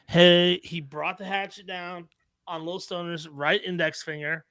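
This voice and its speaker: A man's voice: high-pitched, steady tone, a little slow, pushed and bright, clear, resonant tone, no room sound, studio quality. A man co-hosting a casual sports podcast, telling stories in a laid-back way, with lots of "um" and "like". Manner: storytelling, laid-back, uses many "um" and "like". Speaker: podcast co-host. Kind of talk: casual chat.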